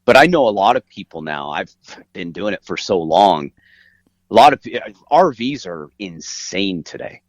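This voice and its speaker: A man's voice: low voice, big pitch swings, moderate pace, no room sound. A man giving emphatic, conversational explanations as an interview guest, recorded inside an RV. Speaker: guest author.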